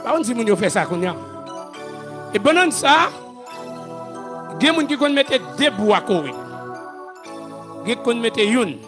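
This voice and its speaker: A male pastor with a Haitian accent preaching a sermon, shouting and chanting his calls. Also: very high voice, very animated, measured pace, long pauses, music in the background.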